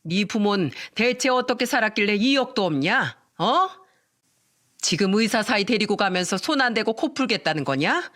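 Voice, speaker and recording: A woman voicing an arrogant, contemptuous middle-aged future mother-in-law who belittles and yells, in a narrated story. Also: medium pitch, animated, normal speed, natural voice. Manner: scornful, yelling, belittling.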